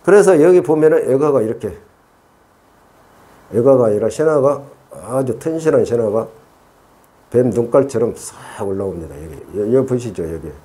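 A middle-aged man teaches gardening in a relaxed, chatty way, often repeating himself and thinking aloud. His pitch rises and falls in an animated way, and his tone stays soft and mellow. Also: normal speed. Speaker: orchid-growing channel host. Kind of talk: casual hands-on gardening tutorial.

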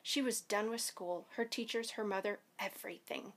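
A woman elementary school teacher reading a children's novel aloud to her students in a lively, expressive storytelling way. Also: mid-range voice, normal speed.

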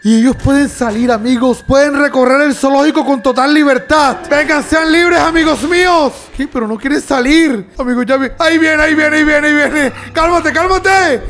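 A young man commenting on a horror video game in an excitable way, yelping, laughing and talking straight to his viewers. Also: very high voice, normal speed, hardly any pauses. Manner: excitable, yelps and laughs, talks to viewers as "amigos". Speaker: gaming YouTuber.

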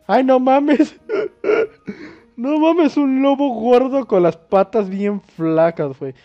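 Speaking slowly in a very high voice, this young Mexican man streams a video game as a YouTuber, voicing its dialogue and throwing in crude, swear-heavy jokes. The recording comes from a dull lo-fi mic, with game music faintly audible.

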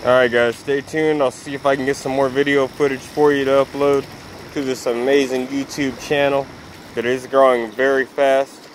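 A man's voice: medium pitch, normal speed, slight background noise, poor audio. Chatty man filming a night fishing vlog. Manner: relaxed, chatty, talking to viewers while handling a fish. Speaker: fishing vlogger. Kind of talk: casual vlog narration. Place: outdoors at night on a rocky riverbank.

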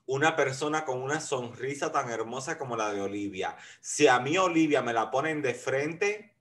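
A man's voice: medium pitch, a bit bright. A man in casual, flamboyant chat, crude and playful as he reviews a competition show.

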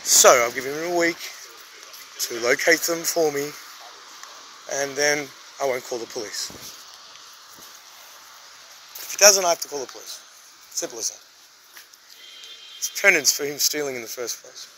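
A man's voice: mid-range voice, expressive, normal speed, long pauses. A man vlogging in casual, crude, joking talk, filmed on a handheld camera. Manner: crude, playful banter. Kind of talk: casual vlog narration. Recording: noisy street background.

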